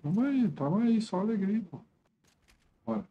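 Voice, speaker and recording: A man's voice: high-pitched, normal speed, muffled recording, very noisy. A middle-aged Brazilian man streaming a game with a headset, joking and teasing his friends in casual chat. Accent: Brazilian Portuguese. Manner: jokey, teasing, animated banter.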